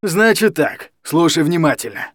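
A man's voice: on the high side, sing-song, unhurried, dry recording, pitched above the performer's own voice. A man voicing a drunk, boorish middle-aged guardian who slurs and mumbles his words, in a storybook reading. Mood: threatening, shouting.

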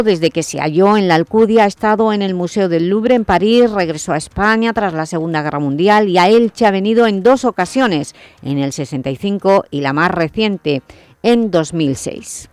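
A man reading a local radio news bulletin in a steady, measured way. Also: high-pitched, smooth, dry recording.

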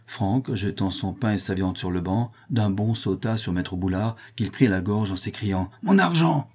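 A man's voice: sits low, steady tone, moderate pace, mellow, husky. A man narrating a classic novel as an audiobook, animatedly voicing the dialogue. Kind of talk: scripted narration.

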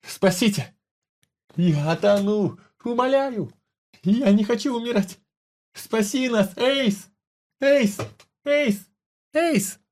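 A woman's voice: fairly high pitch, expressive, slow, pauses often, darkish tone. A woman voicing drowning people who scream and plead desperately for help. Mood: panicked pleading.

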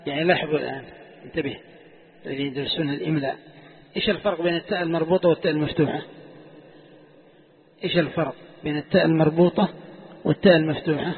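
A man's voice: fairly high pitch, fairly even intonation, racing, pauses often, breathy edge. A man teaching a classroom lesson on Quranic exegesis, repeating questions to his students and dictating sentences for them to write down. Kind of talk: classroom lecture with call-and-response questions. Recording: tinny lo-fi lecture recording, long hall reverb.

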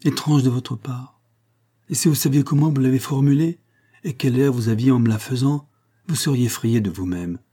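A man's voice: medium pitch, normal speed, warm tone, breathy edge, voice pushed up, close to an everyday voice. A man reading aloud who voices a proud young woman sharply rebuking a suitor in an audiobook. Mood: indignant reproach. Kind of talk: audiobook character voicing.

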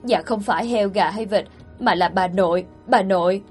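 A woman's voice: medium pitch, moderate pace, a little mellow, soft background music, natural voice. A woman doing a stammering servant girl. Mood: flustered. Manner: stammering, flustered.

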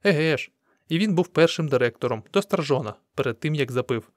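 A man's voice: a little high, lively intonation, brisk, dry recording, studio quality, natural voice. A man voicing an old male prospector in a storybook, speaking in a raised, emphatic way. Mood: matter-of-fact. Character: old male prospector, excitable and loud-spoken.

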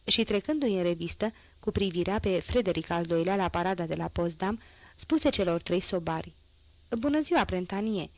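A woman reads a classic novel as an audiobook, measured and literary. Her voice sits low and the recording is dry, close and studio-like. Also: no echo. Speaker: audiobook reader. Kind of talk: audiobook narration.

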